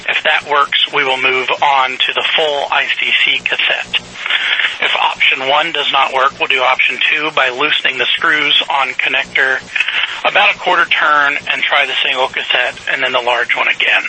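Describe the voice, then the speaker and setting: A man's voice: mid-range voice, steady tone, moderate pace, pushed and bright. A man working as a mission control communicator, giving procedural instructions in clipped phrasing over a crackly space radio link.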